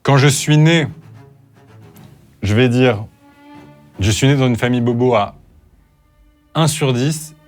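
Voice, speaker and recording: This YouTuber host speaks at medium pitch and a slow pace, leaving long pauses as soft music plays underneath. He fields interview questions in casual talk, candid but hesitant and slightly nervous, often restarting and using fillers.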